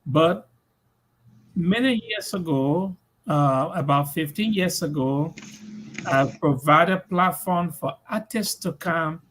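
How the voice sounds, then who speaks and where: A middle-aged Liberian man answering interview questions slowly, pausing often with "uh". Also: fairly high pitch, a bit bright, slight background noise. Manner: slow, measured, with many "uh" pauses. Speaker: guest, community leader.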